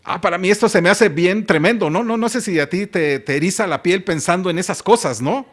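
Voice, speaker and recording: Male pastor, high voice, chatty sermon full of rhetorical questions. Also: a little fast. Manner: conversational, asks the congregation rhetorical questions.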